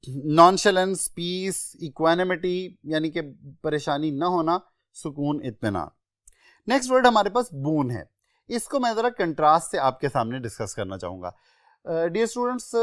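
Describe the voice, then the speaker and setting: A man with a Pakistani accent giving an exam-prep English vocabulary lecture, explaining words in a measured way and listing synonyms one by one. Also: a little high, a bit bright, no echo, studio quality.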